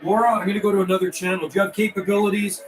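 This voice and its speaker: The audio is poor as this Canadian man races through live CB radio chat and call-outs in a high voice with little pitch movement. Friendly and informal, he keeps repeating call signs and channel numbers.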